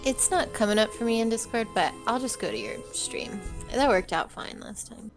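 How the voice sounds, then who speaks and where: A woman's voice: on the high side, sing-song, normal speed, over music, poor audio. A young woman co-hosting a video game stream, chatting in an easygoing way. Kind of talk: casual chat while playing a game.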